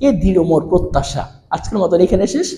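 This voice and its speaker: A man's voice: high-pitched, very animated, fast talker, warm tone. A male teacher giving a pronunciation lesson to students, asking questions and repeating each answer as a drill. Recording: roomy with long reverb.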